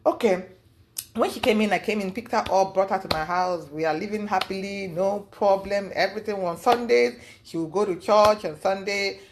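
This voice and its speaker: A woman telling her story in a casual interview, rambling with many fillers and acting out what others said in a high voice. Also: moderate pace, background noise. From lives in the US. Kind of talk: casual storytelling recounting events.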